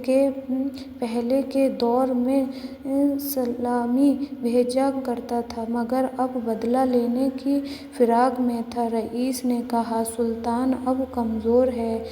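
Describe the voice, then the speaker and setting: A woman narrating a story in a steady, even reading voice. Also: a little high. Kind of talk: read-aloud story narration. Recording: echoey room with long reverb, faint ambience.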